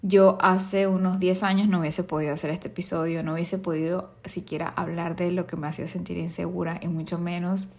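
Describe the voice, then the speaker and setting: A woman's voice: on the low side, flat delivery, fairly quick, hardly any pauses, a little mellow. A young adult woman with a Venezuelan accent, a makeup artist hosting her own podcast and talking casually, with frequent fillers and tag questions. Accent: Venezuelan Spanish.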